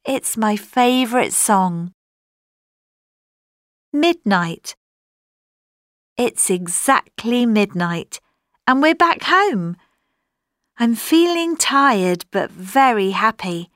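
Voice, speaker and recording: A woman reading a scripted textbook passage for a language course, slow, clear and expressive. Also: on the high side, dry recording, studio quality. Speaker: textbook audio reader.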